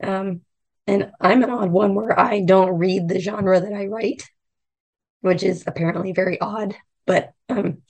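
A woman from the United States with a hoarse, froggy voice, talking casually as a novelist being interviewed. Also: medium pitch, fairly even intonation, a little slow, darkish tone. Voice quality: croaky frog voice.

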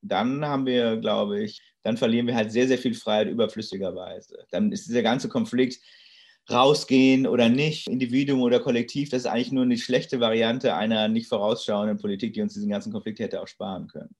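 A man giving thoughtful, halting interview answers with many restarts. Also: mid-range voice, steady tone. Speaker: interview guest, political thinker.

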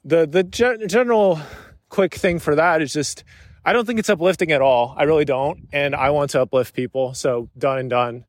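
Solo podcast host, male, higher register, loose rambling delivery, dry close sound. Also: moderate pace, no room sound. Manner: rambling, heavy use of filler "like". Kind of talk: casual solo podcast talk.

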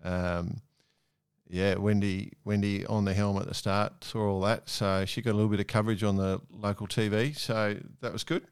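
A man's voice: fairly low pitch, flat delivery, moderate pace, clear, resonant tone, no echo, clean studio sound. A man hosting a casual sports chat. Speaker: podcast host.

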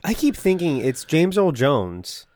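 A man's voice: fairly high pitch, unhurried, no room sound. A man co-hosting a podcast, trading opinions with a few stammered restarts and reading out a plot recap. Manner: hesitant restarts in chat, even read-aloud recap. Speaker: podcast co-host.

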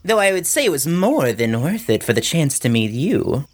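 Smug young caped mage. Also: female voice, deep voice, very animated, normal speed, slightly rough, heavily acted. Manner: smug, snarky.

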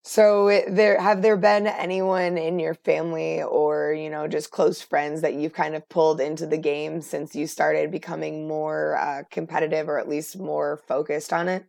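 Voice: mid-range voice, level tone, moderate pace, creaky, hardly any pauses, a little mellow, no echo. A podcast host asking friendly, rambling questions in a casual interview.

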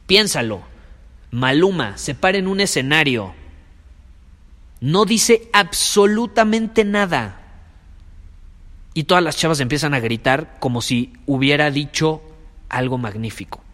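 A man's voice: mid-range voice, expressive, moderate pace, fairly bright tone, in a large hall. A man with a Mexican Spanish accent hosts a podcast as a sales coach, speaking with emphasis, preaching and repeating his key phrases. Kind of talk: motivational monologue.

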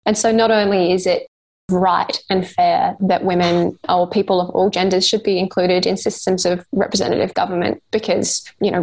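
A woman's voice: on the low side, vocal fry. A woman guest author talking in an earnest, thoughtful way during a conversational interview. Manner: earnest, thoughtful, with frequent "like" and restarts.

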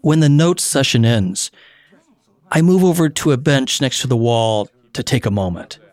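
A middle-aged actor narrating his own story in a measured, reflective way with a wry edge. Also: medium pitch, lively intonation, a little mellow, dry recording. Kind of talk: scripted memoir narration.

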